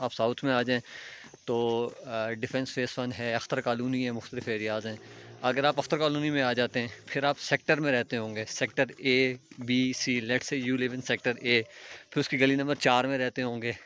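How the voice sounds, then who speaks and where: A young man narrating a casual travel vlog while walking a village road, explaining step by step with pauses and fillers, filmed on a handheld phone at arm's length. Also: mid-range voice, a bit bright, clean tone. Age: young adult. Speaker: travel vlogger. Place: outdoors on a hillside village road. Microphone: phone camera held at arm's length. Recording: faint outdoor ambient noise.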